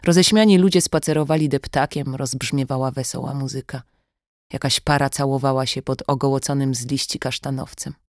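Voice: medium pitch, steady tone, fairly quick, no echo. Dry, close audiobook narration. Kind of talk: scripted thriller narration.

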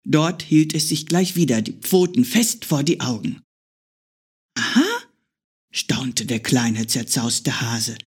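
A woman reading a children's story aloud as a storyteller, with slow, expressive storybook narration. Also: a bass voice, husky.

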